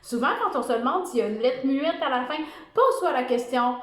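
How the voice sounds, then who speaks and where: A woman teacher with a Québécois French accent leads a first-grade spelling dictation, sounding out each letter and syllable slowly. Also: high voice, lively intonation, fairly bright tone. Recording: echoey room.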